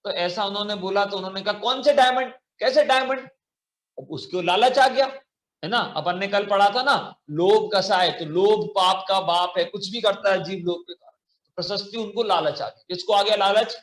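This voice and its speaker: A man's voice: sits high, moderate pace, a bit bright, reverberant. A man teaching a children's class, telling a story and acting out the characters' lines, often asking the children questions.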